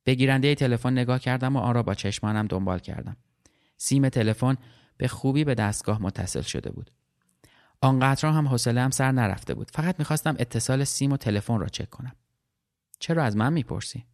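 A man reading a literary short story aloud as narrator, in a calm, measured, reflective way. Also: medium pitch.

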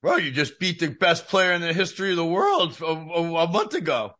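A man's voice: a little high, big pitch swings, fairly quick, pushed and bright. A man interviewing a tennis player, asking short, eager questions.

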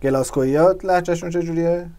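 A man hosting a podcast, chatting casually about football with animated storytelling and frequent laughs. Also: a little high. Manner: animated storytelling, laughs at his own remarks. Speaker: podcast host.

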